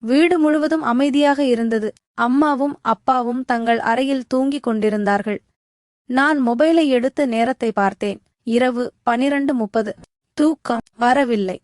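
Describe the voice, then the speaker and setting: A woman's voice: on the high side, unhurried, no echo, clean studio sound. A woman telling a first-person story in a dramatic, tense way.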